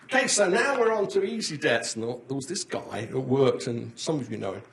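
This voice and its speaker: A man's voice: medium pitch, big pitch swings, a little fast, creaky. An older man giving a conference lecture, rambling through anecdotes and chuckling at his own stories. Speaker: conference presenter. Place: conference hall. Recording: roomy echo of a conference hall.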